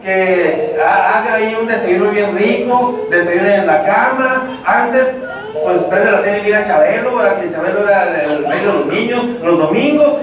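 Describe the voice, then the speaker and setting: A preacher voicing a coaxing lazy inner voice. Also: male voice, sits high, normal speed, close to an everyday voice. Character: coaxing inner voice of male laziness. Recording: echoey church hall from far off.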